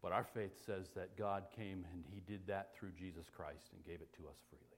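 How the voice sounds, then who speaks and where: A man preaching a sermon as pastor, mixing loud, excited exclamations with quiet, conversational teaching asides and humor. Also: low-pitched, fairly quick, a little hiss or hum.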